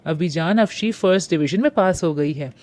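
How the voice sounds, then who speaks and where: A woman's voice: fairly low pitch, moderate pace, darkish tone, lightly acted. A woman voicing a cheerful, teasing older brother figure who speaks playfully and affectionately.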